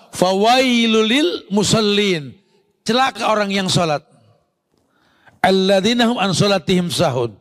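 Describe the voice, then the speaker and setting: Male Islamic preacher, lively sermon delivery with a fairly high voice, heavy room reverb. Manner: lively, addresses listeners directly, acts out parents and children. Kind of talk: sermon to a congregation.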